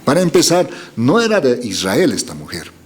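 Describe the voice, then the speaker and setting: A man's voice: medium pitch, normal speed. A male preacher giving a sermon, reading scripture aloud and asking the congregation questions. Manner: lively, rising emphasis on quoted lines. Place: church gathering.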